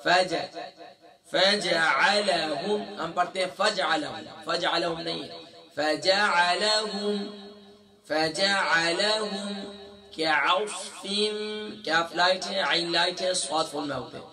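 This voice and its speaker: A man teaching a Quran recitation lesson, explaining mistakes quickly and then chanting the verses slowly and melodically. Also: sits high, a crowd in the background.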